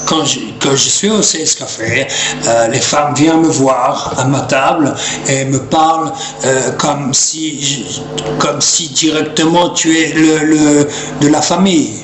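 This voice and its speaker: Male comic monologuist, American accent in French, slightly high voice, halting and mixing in English, roomy sound. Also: fairly even intonation, over music. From United States. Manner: hesitant French mixed with English, refers to himself in third person. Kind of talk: humorous rambling monologue to camera. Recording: roomy echo, clear background noise.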